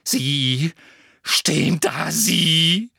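Man doing a raging teenage boy wizard, shouting, high and loud, gravelly edge, audiobook. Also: drawn-out words, dry recording, studio quality, full character voice. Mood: furious. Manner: shouting, furious. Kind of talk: audiobook reading.

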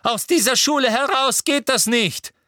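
A man voicing a shrill, domineering woman official in an audiobook. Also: normal speed, bright, forceful tone, dry recording, clean studio sound. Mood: shrieking. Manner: shrieking. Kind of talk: audiobook reading.

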